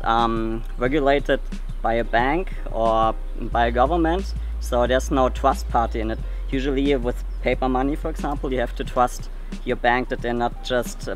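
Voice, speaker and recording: A man in his twenties explaining in an interview in a careful, measured way, recorded by a camera a short distance away. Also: mid-range voice. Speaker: software developer. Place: covered lounge on a sofa.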